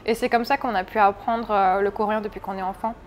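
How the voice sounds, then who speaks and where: This interview guest, a woman from France in her twenties, has a mid-range, steady voice and a quick pace, with slight background noise. Chatting casually and candidly, she frequently starts her sentences over.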